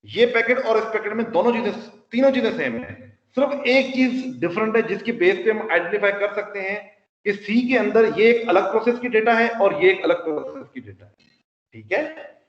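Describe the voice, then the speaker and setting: A man's voice: sits high, expressive, normal speed. A man teaching a lecture, explaining step by step with rhetorical questions and English technical terms. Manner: mixes English technical terms into his speech. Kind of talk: classroom lecture. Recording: roomy hall sound, dull lo-fi audio.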